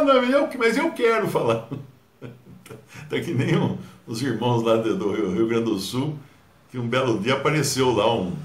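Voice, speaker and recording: Animated Brazilian man teaching the Bible. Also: mid-range voice, roomy sound. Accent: Brazilian Portuguese. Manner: animated, mimics others mockingly.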